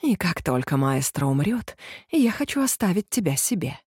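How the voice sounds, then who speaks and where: A woman reading an audiobook, voicing an arrogant young male musician in a lower, slow, self-satisfied voice. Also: sing-song, a little mellow, breathy edge, no echo, clean studio sound, exaggerated voice. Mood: menacing.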